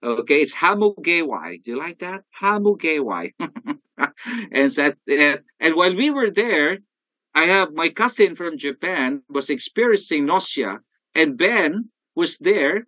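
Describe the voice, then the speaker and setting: An older man with a Filipino accent giving an animated motivational sales talk, often calling out to his audience. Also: fairly high pitch, unhurried, dry recording, muffled recording. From Philippines. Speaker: sales coach.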